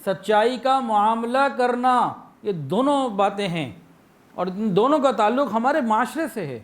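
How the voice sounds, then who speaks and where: Man, Pakistani Urdu accent, high voice, preaching, sermon with acted-out examples. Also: lively intonation. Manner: illustrates with anecdotes and acted-out phrases.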